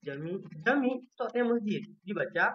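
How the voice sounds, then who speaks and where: Teaching Turkish online from Indonesia, this teacher uses a shared screen and slowly repeats each letter sound to demonstrate pronunciation. The mid-range voice is expressive, the highs are cut off, and there's a little hiss or hum.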